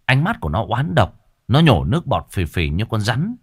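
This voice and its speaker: A man narrating a ghost story in a dramatic, lively way. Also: on the low side, normal speed, breathy edge, no echo, studio quality.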